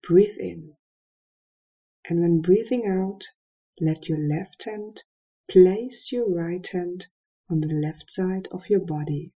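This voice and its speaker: Calm woman leading a meditation, super slow, husky mellow voice, kinda dull lo-fi sound. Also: fairly low pitch. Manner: slow, soft and calm instructions with long pauses. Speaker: meditation guide. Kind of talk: guided meditation.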